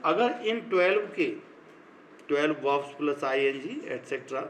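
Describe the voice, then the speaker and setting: A middle-aged man with an Indian accent, a school teacher giving an online grammar lesson in slow, dictation-like phrases, switching between English and Hindi. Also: a little high, lively intonation, a little hiss or hum, poor audio.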